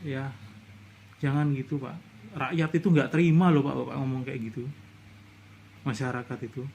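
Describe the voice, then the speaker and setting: A middle-aged man from Indonesia giving a casual commentary monologue, indignant and lecturing, his voice rising into outbursts. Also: a little high. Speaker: vlogger.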